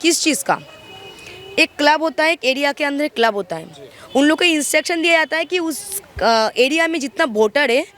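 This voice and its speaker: A woman's voice: high voice, lively intonation, normal speed, fairly bright tone. A woman from West Bengal answering questions in a street interview, speaking emphatically and often restarting her words. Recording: faint traffic noise outdoors.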